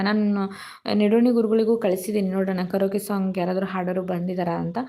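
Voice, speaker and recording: Host, woman, hoarse gravelly voice, chatty live-stream greetings by phone. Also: medium pitch, a little mellow. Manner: chatty, greets viewers by name. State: hoarse, voice cracking from illness. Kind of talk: casual live chat reading comments. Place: dark room at home during power cut.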